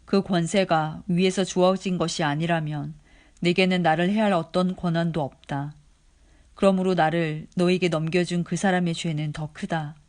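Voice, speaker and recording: Calm male prisoner, solemn and measured, scripture reading, read plainly by the reader. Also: medium pitch, lightly acted. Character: calm male teacher on trial.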